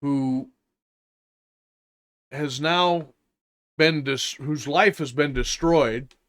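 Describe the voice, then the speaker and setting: Slow-talking older man on a rant. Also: on the high side, fairly bright tone. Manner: halting, deliberate, with drawn-out pauses; indignant, emphatic, repeating phrases. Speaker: vlogger giving his opinion. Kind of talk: unscripted opinion rant.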